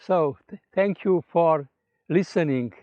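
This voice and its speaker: A man with a Slovenian accent, a native Slovenian speaker, giving an explanatory talk in English in a halting, word-searching manner. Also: fairly high pitch, mellow, no room sound. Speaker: speaker presenting his exercises. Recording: tinny phone-like audio.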